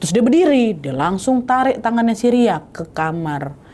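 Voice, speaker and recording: Wanita berlogat bercerita horor santai. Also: female voice, fairly high pitch, expressive, moderate pace, a little mellow, slight background noise. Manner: chatty, addresses listeners directly. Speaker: horror storyteller. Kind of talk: casual horror storytelling during mukbang.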